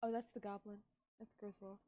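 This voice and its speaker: A woman's voice: medium pitch, level tone, fairly quick, warm tone, highs cut off. A woman playing a tabletop role-playing game, talking casually as a player.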